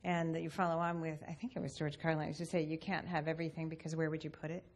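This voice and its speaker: A woman's voice: sits low, level tone, fast talker. A woman speaking on a panel in a wry, anecdotal way. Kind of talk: panel talk, personal story.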